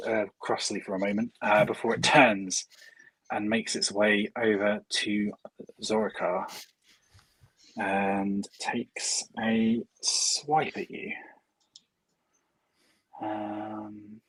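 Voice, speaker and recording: A man's voice: on the low side, little pitch movement, very slow, pauses often, a bit bright, breathy edge, no echo, low-quality recording. A man narrating as dungeon master in a casual, hesitant way, full of "um" and "sort of". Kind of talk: narrating a tabletop game.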